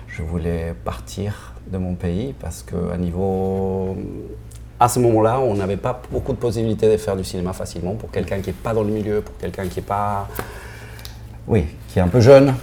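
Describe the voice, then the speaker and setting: A man's voice: sits low, moderate pace, vocal fry, dark tone, a little hiss or hum. A man in his forties from Argentina with an Argentine Spanish accent, a native Spanish speaker, answering interview questions in a hesitant way, restarting often and laughing. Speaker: film director.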